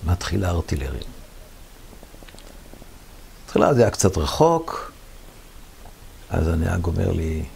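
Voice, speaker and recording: A man in his seventies tells his wartime memories in an interview. His low voice is rough and gravelly. He tells it vividly and mimics the people he quotes. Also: sing-song, long pauses, darkish tone, slight background noise. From Israel. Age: 70s. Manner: vivid storytelling that acts out the voices of others. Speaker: war veteran interviewee. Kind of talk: recounting war memories in an interview.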